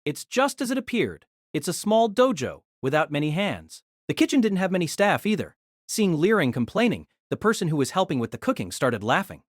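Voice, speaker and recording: Narrating a fantasy novel for an audio drama, a man reads in a steady, measured way with a fairly high voice that rises and falls a lot. The recording is close and dry, with no room sound and no echo.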